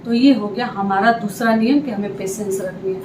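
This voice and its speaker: A woman's voice: medium pitch, normal speed, darkish tone, reverberant, slight background noise, poor audio. A woman giving relationship advice to her viewers in an earnest, repetitive, direct way. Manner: earnest, repeats points, addresses viewers directly. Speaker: advice vlogger. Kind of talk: casual advice talk.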